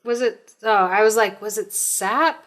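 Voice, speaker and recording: Woman, podcast co-host, casual chat, searching for words, mid-pitched. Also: measured pace, fairly bright tone.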